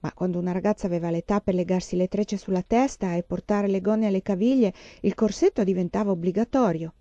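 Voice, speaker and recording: A woman reading a storybook aloud in a calm, measured narration. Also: medium pitch, no room sound, highs cut off. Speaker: audiobook reader.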